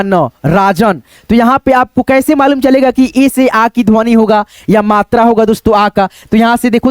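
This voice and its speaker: A man's voice: very high-pitched, a little mellow, no room sound. A male teacher giving a spelling and pronunciation lesson at a digital board, often calling viewers his friends and asking and answering his own questions. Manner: calls viewers friends often, repeats each word, asks and answers himself. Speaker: English teacher. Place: classroom-style video at a digital board.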